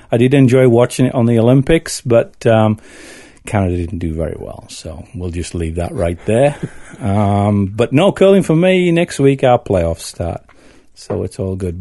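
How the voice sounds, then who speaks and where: A man's voice: medium pitch, dark tone, no room sound, studio quality. A middle-aged man with a Northern English accent, chatting casually as a podcast guest in a wry, self-deprecating way. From north of England. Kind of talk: casual chat.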